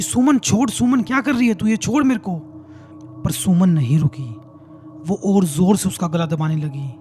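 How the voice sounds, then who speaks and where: A man tells a horror story in a dramatic, suspenseful manner. His voice sits high but sounds warm and mellow, and soft music plays faintly behind him.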